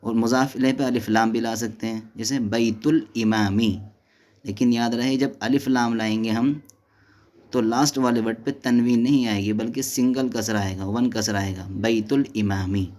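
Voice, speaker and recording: With a medium-pitched, steady, darkish voice, a man explains Arabic grammar one step at a time, raising and resolving his own questions. His speech blends Hindi-Urdu with English and Arabic terms, and he reads English textbook notes slowly.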